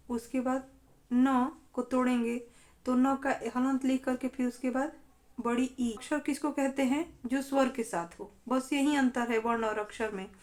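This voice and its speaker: Female tutor with a high-pitched voice, calmly explaining answers in an exam-prep lesson. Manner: steady explaining, question and answer. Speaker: teacher.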